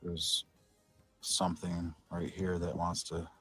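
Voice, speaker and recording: Low-pitched man on a ghost hunt. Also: monotone, slow, bright, forceful tone, husky, faint music behind. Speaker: paranormal investigator. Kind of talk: casual chat during a ghost hunt.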